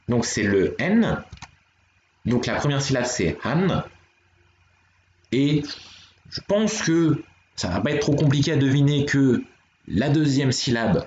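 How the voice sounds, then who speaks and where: A man's voice: medium pitch, darkish tone. A man teaching Korean letters on a live stream, explaining step by step and talking to his viewers. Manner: patient, explanatory, talks to chat viewers. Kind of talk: live-streamed language lesson. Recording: dull, roomy home stream audio.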